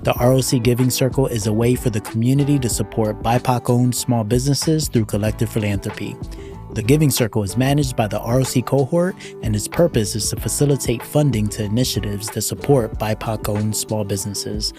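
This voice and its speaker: A man's voice: mid-range voice, fairly quick, over music. A man hosting a podcast, easygoing and affirming, asking questions and reading a sponsor message. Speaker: podcast host. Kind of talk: casual interview chat and sponsor read.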